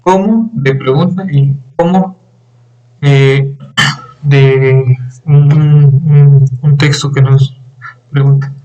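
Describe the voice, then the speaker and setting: A young man giving a class presentation on grammar, reading with halting pauses, fillers and throat clearing. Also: mid-range voice, little pitch movement, mellow, dull audio. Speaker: student presenter.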